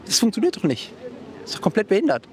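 A young man interviews people outdoors on a busy shopping street, holding a handheld mic. He speaks in a rather high voice and rattles off questions at a fast clip. His manner is blunt and casual, with quick follow-ups. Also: huge pitch swings. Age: young adult. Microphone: handheld microphone.

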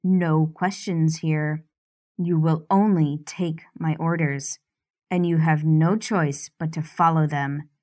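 A woman's voice: sits low, steady tone, slow, a little mellow, pitched below the performer's own voice. Woman putting on a cold, possessive man's voice. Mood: commanding. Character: possessive domineering young man, cold and commanding.

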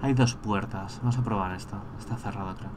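A man giving casual let's-play commentary, thinking aloud and breaking into excited rants. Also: lowish voice, fairly quick, background noise. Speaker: gameplay streamer.

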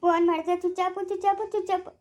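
A woman's voice: very high-pitched, level tone, rapid-fire, darkish tone. A woman playing a worried village mother who is crying and rambling over her missing daughter in a family drama. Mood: tearful worry. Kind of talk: amateur family drama acting.

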